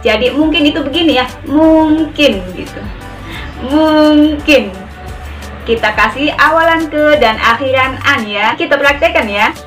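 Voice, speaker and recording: A woman with a high voice leads a casual sign language lesson, repeating each word slowly as she demonstrates it. She sits a little away from the mic. Soft music plays faintly underneath. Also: recorded from a distance. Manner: chatty, repeats words slowly while demonstrating signs. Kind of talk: casual tutorial.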